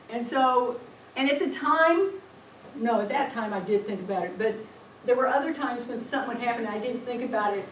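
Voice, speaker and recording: A middle-aged woman, a religion teacher, giving a personal faith testimony in an animated storytelling manner with fillers and restarts. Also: fairly high pitch, recorded from a distance, a little hiss or hum. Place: church hall or parish room. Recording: echoey room, recorded from afar.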